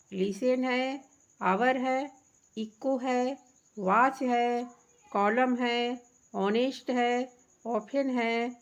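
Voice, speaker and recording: A woman teacher talks a class through a workbook lesson. She speaks slowly in a slightly high voice. She asks the children questions and answers them herself, patiently. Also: a bit bright.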